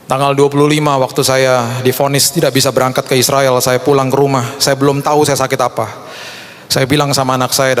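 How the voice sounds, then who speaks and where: A middle-aged man preaching a sermon as pastor, fervent and dramatic. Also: mid-range voice. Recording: long hall reverb.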